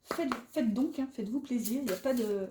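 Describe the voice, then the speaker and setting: A woman's voice: on the high side, brisk, dark tone, reverberant, a little hiss or hum. A woman from northern France with a northern French accent, giving a rambling, hesitant tarot card reading. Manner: rambling and hesitant, many fillers. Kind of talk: casual spoken card reading.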